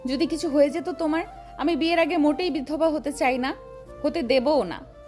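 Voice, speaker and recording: A woman's voice: high-pitched, normal speed, faint music behind, voice pushed up, natural voice. A woman voicing a tearful, devoted young lover. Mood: tearful, resolute. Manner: soft, tearful, emphatic.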